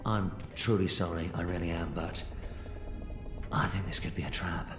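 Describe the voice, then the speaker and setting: A man's voice: deep voice, level tone, moderate pace, close to an everyday voice. A man playing an eccentric, theatrical time traveller in an audio drama, swinging between grave and playful. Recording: roomy echo with music underneath.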